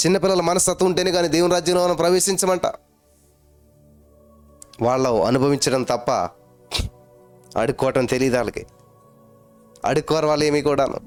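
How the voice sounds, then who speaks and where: Emphatic male preacher, slightly high voice. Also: steady tone, fairly quick, long pauses, darkish tone, faint music behind. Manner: emphatic preaching, repeating phrases and asking rhetorical questions. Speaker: pastor. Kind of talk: sermon.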